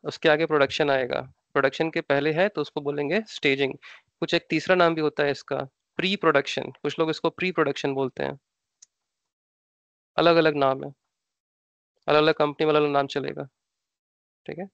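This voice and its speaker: A man's voice: on the high side, steady tone, fairly quick, vocal fry, long pauses, a bit bright, no echo, dull audio. A man with an Indian accent, an instructor explaining ideas step by step in a live online class, repeating terms and asking rhetorical questions. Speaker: SAP training instructor.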